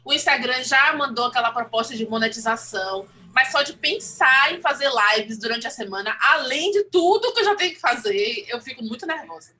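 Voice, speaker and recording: Brazilian woman comics artist, bright tone, rambling self-mocking panel chat. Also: sits high, animated, fairly quick, hardly any pauses. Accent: Brazilian Portuguese.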